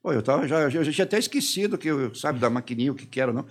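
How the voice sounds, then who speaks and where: A man giving an emotional personal testimony as an interviewee. He talks haltingly, restarting and trailing off mid-phrase. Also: mid-range voice, lively intonation.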